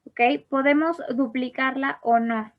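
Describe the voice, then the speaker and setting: A woman's high, fairly even voice moves a little slowly as she teaches English grammar online, going over every rule first in English and again in Spanish. Audio comes from a class computer mic and sounds dull and lo-fi.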